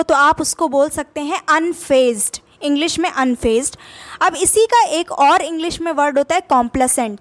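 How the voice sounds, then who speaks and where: A young Indian woman with a high voice and an Indian accent teaches English vocabulary in a casual spoken-English lesson. She's a patient tutor who keeps rephrasing, repeating meanings in both Hindi and English.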